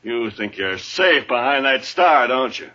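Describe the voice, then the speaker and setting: A man's voice: medium pitch, expressive, a little slow, pushed and bright. A man playing a vengeful, accusing townsman in a 1950s radio western, menacing and confrontational. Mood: accusing, angry. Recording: dull vintage radio recording.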